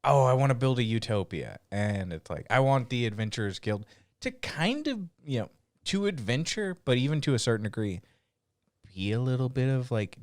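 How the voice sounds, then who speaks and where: A man co-hosting a casual podcast, laid-back and measured, often murmuring agreement while his co-host talks. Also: mid-range voice, very animated, dry recording, clean studio sound. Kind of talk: casual chat.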